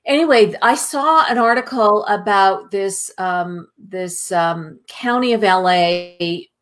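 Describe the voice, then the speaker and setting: A woman nutritionist co-hosting a casual live health show, rambling with many pauses and ums. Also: medium pitch. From Southern California. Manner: rambling, warm filler-heavy talk with many ums. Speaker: co-host, nutritionist. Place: home, remote video call.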